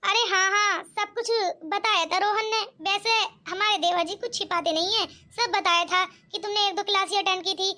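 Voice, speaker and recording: Helpful, reassuring cartoon sister-in-law, voiced by a woman; very high pitch. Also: steady tone, moderate pace, few pauses, bright, forceful tone. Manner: reassuring, teasing. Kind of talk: cartoon voice acting.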